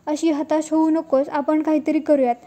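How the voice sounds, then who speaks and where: A woman's voice: high voice, little pitch movement, moderate pace, warm tone, natural voice. A woman voicing an earnest, protective young village man in her own voice, urging and reassuring his family in a serial recap. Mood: pleading.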